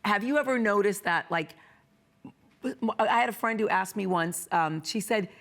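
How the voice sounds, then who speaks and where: A woman's voice: medium pitch, moderate pace, a bit bright. Woman host, musing conversational questions. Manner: musing, searching for words. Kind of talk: conversational interview.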